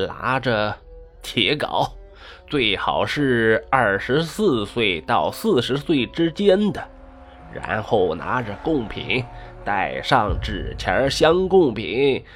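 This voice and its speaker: A man voicing an old village wise woman who drives out ghosts, speaking in a slow, measured, admonishing way. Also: medium pitch. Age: older. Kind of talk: storytelling with character voices.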